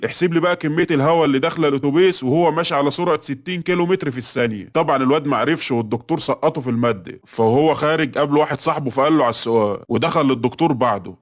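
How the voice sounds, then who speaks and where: A man with an Egyptian Arabic accent reading a string of short jokes in a brisk, flat scripted delivery. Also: mid-range voice. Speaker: joke teller. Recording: voice-over with loud background music.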